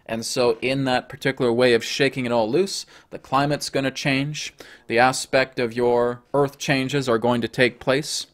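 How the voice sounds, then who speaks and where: Man channeling a spirit guide, hoarse voice, measured preachy cadence, middle pitch, speaks as we. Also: steady tone, close to an everyday voice. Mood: lecturing. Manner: slow emphatic sermon-like cadence, speaks as "we".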